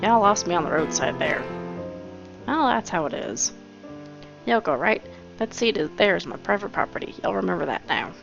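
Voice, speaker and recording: A woman's voice: fairly low pitch, lively intonation, normal speed, gravelly. Woman doing a brash southern rabbit guy. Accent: put-on American Southern. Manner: loud, swaggering, self-important. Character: brash young male rabbit regular, southern drawl. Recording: dull lo-fi with game music.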